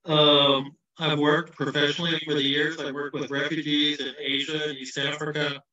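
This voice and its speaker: A man from the Midwest gives a loose, self-deprecating campaign pitch over a video call. His bright, forceful voice booms back with a big hall echo, as if he sits far from the mic. The sound is dull and muffled. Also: level tone, normal speed. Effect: heavy hall echo on his voice. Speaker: candidate for party office. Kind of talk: campaign speech at an online event.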